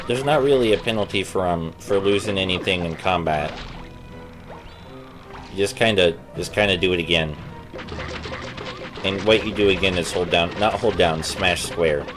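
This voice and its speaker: Low-voiced man casually narrating a game. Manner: rambling, hesitant. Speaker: Let's Play host. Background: video game music.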